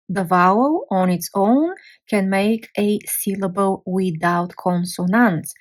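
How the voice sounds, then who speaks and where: A woman gives a patient language lesson at an unhurried pace. She breaks words into single letters and syllables and sounds each out clearly. Her voice sits at a middle pitch, and now and then it drifts a little away from the mic. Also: darkish tone. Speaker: language teacher. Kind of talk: slow, careful language lesson.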